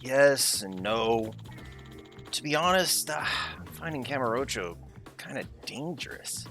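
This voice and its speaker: A man voicing a young male newcomer to Japan with a relaxed surfer drawl, reading game dialogue aloud. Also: medium pitch, unhurried, soft background music, pitched above the performer's own voice. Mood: uneasy.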